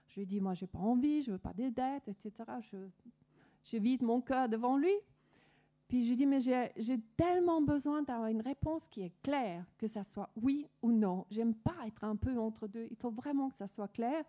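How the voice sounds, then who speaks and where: Danish-accented woman giving a soft testimony. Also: fairly high pitch. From Denmark. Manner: earnest, storytelling with many restarts and fillers. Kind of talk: personal testimony.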